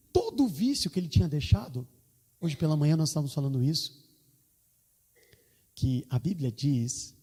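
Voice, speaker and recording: A young man with a Brazilian Portuguese accent, a pastor delivering an impassioned sermon, his voice climbing high as he tells stories. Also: dark tone, slightly rough. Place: church hall. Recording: long church hall reverb.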